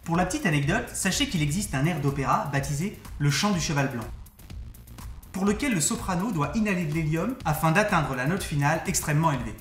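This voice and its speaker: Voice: mid-range voice, lively intonation, fairly quick. A science presenter giving scripted explanations of demonstrations. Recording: roomy echo under music.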